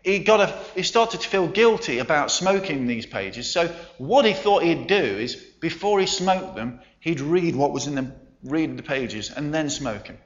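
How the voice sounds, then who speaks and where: A man's voice: fairly high pitch, expressive. Man, sermon, storytelling, echoey room, slightly muffled. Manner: storytelling, emphatic pauses, soft endings. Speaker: preacher. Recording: roomy, slightly dull sound.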